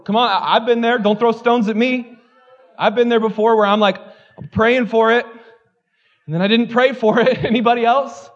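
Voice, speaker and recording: In a muffled recording, a man whose voice is extremely high and steady preaches a little fast to his church. His style is candid and conversational, full of self-deprecating humor and the word "like."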